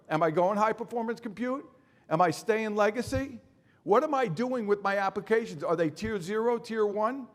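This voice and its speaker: A middle-aged man presenting at a conference, animated and folksy, peppering his talk with rhetorical questions and jokey asides. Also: high-pitched. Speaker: conference speaker.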